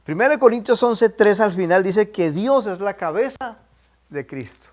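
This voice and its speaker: A man's voice: high voice, lively intonation, normal speed, a little mellow. A man teaching a Bible class, stressing his points by repeating them and prompting listeners with questions. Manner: emphatic, repeats key points.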